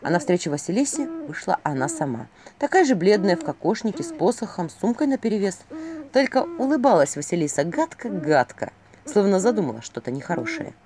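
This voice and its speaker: A woman narrating a fairy tale as an audiobook reader, with an expressive reading. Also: mid-range voice, brisk.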